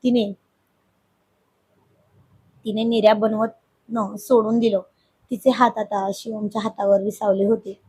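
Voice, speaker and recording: A hoarse woman with a husky voice narrating a romantic family story in a soft, unhurried way. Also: medium pitch, little pitch movement.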